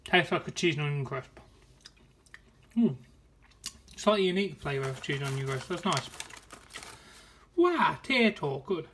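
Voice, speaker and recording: A woman's voice: low-pitched, normal speed, long pauses, a bit bright. A woman giving a casual product review in a playful, offhand manner. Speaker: food review host. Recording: clear background noise, crinkling packet.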